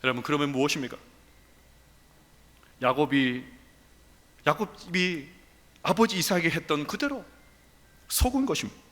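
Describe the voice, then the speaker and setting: A man's voice: high voice, bright, forceful tone. A male pastor preaching a sermon, telling the story dramatically in a church sanctuary. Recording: long church reverb.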